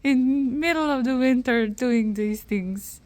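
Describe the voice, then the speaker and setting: A woman with a fairly high voice films and comments in relaxed vlog style. She speaks at a slow pace, with a playful, teasing manner. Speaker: vlogger filming and commenting. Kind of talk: casual vlog chat.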